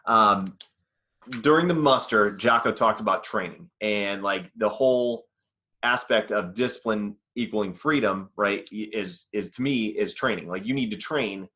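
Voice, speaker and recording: Podcast host guy, lowish voice but really bright and forceful, lots of ums. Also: moderate pace. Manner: steering the talk, loose and filler-heavy. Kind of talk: casual conversation.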